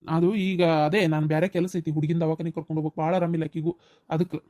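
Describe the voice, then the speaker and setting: A woman's voice: sits low, level tone, racing, warm tone, no echo, studio quality, lightly acted. A woman with a North Karnataka Kannada accent, playing an evasive middle-aged village husband who keeps making excuses. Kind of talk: village family drama acting.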